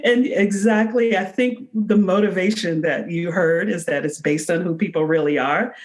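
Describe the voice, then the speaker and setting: Speaking at a moderate pace, this fortysomething founder guests on a podcast and responds to the interviewer in an earnest, chatty manner. She has a fairly low, somewhat dark-toned voice.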